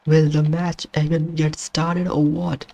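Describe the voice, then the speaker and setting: A man doing play-by-play commentary on a wrestling video game, excitable and exclaiming at surprises, his voice strained and going hoarse. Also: a little high, unhurried. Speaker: gaming channel host doing commentary.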